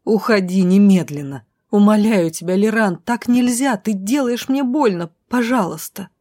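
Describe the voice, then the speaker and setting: A woman's voice: medium pitch, normal speed, dark tone, no room sound, clean studio sound, natural voice. A woman playing a desperate young heroine who pleads in a raised, tearful voice in an audiobook.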